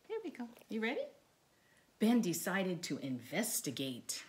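A middle-aged woman, a therapy dog owner, reads a storybook aloud in a living room by a stone fireplace, addressing both her dog and young viewers. Her fairly low, slightly slow voice moves in an animated, coaxing sing-song full of questions. The home recording is clearly noisy.

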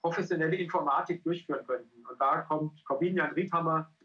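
A middle-aged man presenting a research project over a video call, halting and full of filler sounds. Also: fairly high pitch, sharp tone. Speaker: cultural scientist and pianist presenting a research project. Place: indoor room. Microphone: headset on a video call. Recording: dull lo-fi call audio.

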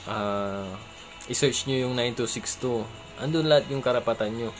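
A man's voice: mid-range voice, moderate pace. Chatty man with faint music behind. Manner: conversational, keeps asking "di ba?" for agreement; chuckles between remarks. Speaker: vlogger giving advice. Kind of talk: casual chat.

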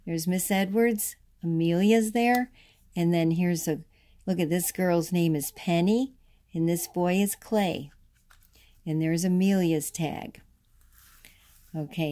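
A woman reading a children's picture book aloud, pausing to explain and encourage young readers. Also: lowish voice, warm tone. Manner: slow, encouraging, explains as she reads. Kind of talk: children's read-along.

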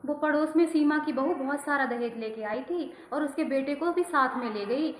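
High-voiced woman acting a family skit. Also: moderate pace. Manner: switches between bickering family characters. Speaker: skit performer and narrator. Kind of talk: homemade family skit acting all roles. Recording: echoey room with faint noise.

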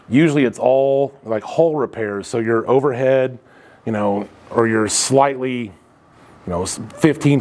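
A man's voice: mid-range voice, a little mellow. A man in his thirties, a welding instructor, talking casually through a demonstration in an indoor welding shop, loose and conversational, with frequent fillers.

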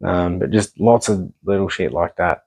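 A man's voice: low voice, normal speed, darkish tone, husky, no room sound. A young man telling his own story as a podcast guest, blunt and full of swearing, with rambling asides. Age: young adult. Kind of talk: candid personal storytelling.

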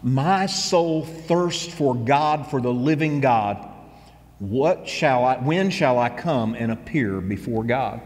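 Earnest pastor preaching in a reverberant hall. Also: male voice, medium pitch, lively intonation, slow, darkish tone. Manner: earnest, conversational preaching with repeated phrases. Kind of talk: sermon. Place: church stage with instruments.

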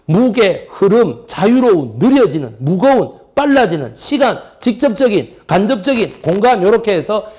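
A man's voice: high-pitched, moderate pace, hardly any pauses. A middle-aged man giving a history lecture, who keeps asking rhetorical questions and answering them himself. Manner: lively, asks and answers his own questions.

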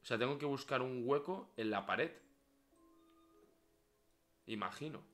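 A man's voice: mid-range voice, expressive, measured pace, a bit bright, soft background music. A man with a Spain Spanish accent streaming a horror game live, jumpy and swearing, talking to himself and dropping to whispers.

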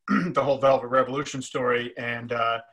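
A middle-aged man hosting a live video-call interview, introducing guests with halting, hesitant phrasing. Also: mid-range voice, flat delivery, a bit bright. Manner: halting, many fillers and restarts. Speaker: festival program director, host. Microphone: webcam on video call.

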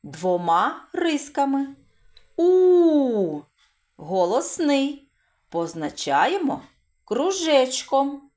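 A woman's voice: medium pitch, very animated, slow pace, darkish tone. A woman teaching preschoolers a letter, encouraging them with praise and drawing out sounds and syllables for them to repeat. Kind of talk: slow, expressive children's literacy lesson.

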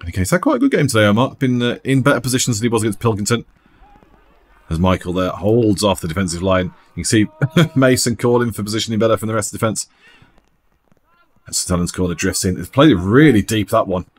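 A man giving relaxed, chatty commentary over an amateur football match, often laughing. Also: lowish voice, fast talker.

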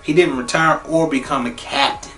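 A young man giving a casual spoiler movie review, profane and blunt, repeating phrases for emphasis and jumping into high exclaims. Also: normal speed, distant mic. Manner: animated, jumps into high exclaims. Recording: roomy echo, a bit off-mic, faint music behind.

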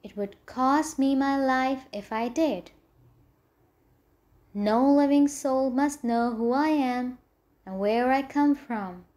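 A woman's voice: high voice, takes it slowly, a little mellow. A woman reading as a humble young princess. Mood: pleading. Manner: earnest, tearful.

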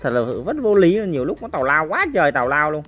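Lady gamer yelling piu piu sound effects over her match, lowish voice, faint music behind. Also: quick pace. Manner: excitable, makes shooting sound effects, chats to viewers. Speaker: mobile game streamer. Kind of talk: live gameplay commentary.

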